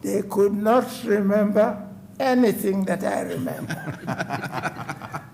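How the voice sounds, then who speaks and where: Before a code enforcement board in the city council chamber, a man from West Africa in his nineties shares a formal personal account. His voice sits high with vocal fry and a slightly mellow tone, and he takes his time.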